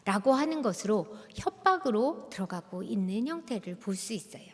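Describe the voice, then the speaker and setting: A woman guest lecturer at a church prayer meeting, giving a lively talk and asking the audience questions. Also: mid-range voice, moderate pace. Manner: animated, asks the audience questions. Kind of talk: lively lecture with acted-out dialogues. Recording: reverberant church hall.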